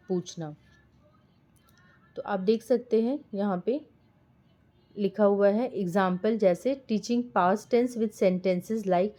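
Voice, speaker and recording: Slow-speaking woman teacher, mellow voice. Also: mid-range voice. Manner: switches between slow read-out English and quick Hindi explanation. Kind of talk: lecture reading from notes.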